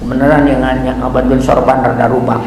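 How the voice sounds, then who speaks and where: A man's voice: mid-range voice, brisk, slight background noise. A man giving religious instruction on pilgrimage rites, often asking his listeners questions. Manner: addresses audience with frequent questions, animated. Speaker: umrah pilgrimage guide. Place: mosque hall. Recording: echoey hall, faint ambience.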